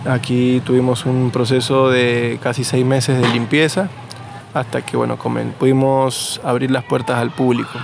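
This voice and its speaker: Argentine man, gravelly voice, relaxed rambling talk, loud traffic noise behind. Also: medium pitch. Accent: Argentine Spanish. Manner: relaxed, rambling with fillers and restarts. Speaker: interviewee, nursery co-founder. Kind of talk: casual conversational interview.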